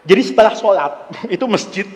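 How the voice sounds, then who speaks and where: A male preacher delivers a humorous sermon, turning his story into a string of jokes. His voice is very high, and its pitch leaps around constantly. A long hall reverb trails after every phrase. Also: fairly quick. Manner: animated joking storytelling.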